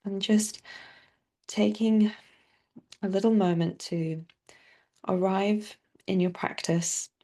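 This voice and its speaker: Soft and soothing, a meditation teacher with a lowish voice leads a guided body scan, letting long pauses stretch out without hurry.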